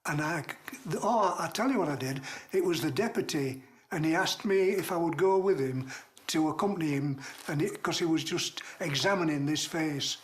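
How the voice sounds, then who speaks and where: Older man telling pit stories. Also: a little high. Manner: halting, dialect-rich, acts out shouts in his tales. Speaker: retired coal miner. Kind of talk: casual reminiscing storytelling.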